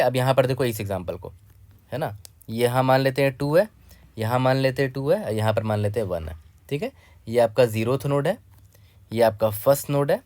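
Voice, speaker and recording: A man in the middle of his pitch range walks viewers through a coding problem step by step. He talks conversationally, keeps asking if things are clear, and drops in technical terms. The recording is close and dry, with no room echo. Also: a little mellow. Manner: conversational, repeats "ठीक है" often and addresses the viewer directly. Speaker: coding tutor. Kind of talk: explaining a coding problem on a whiteboard.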